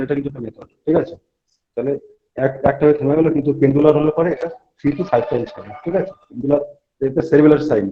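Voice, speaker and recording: Teaching at a hospital bedside, a medical lecturer with a medium-pitched voice rattles briskly through his explanations. He pauses often to make sure the students follow and to coach the patient, and the audio is dull, muffled, and lo-fi.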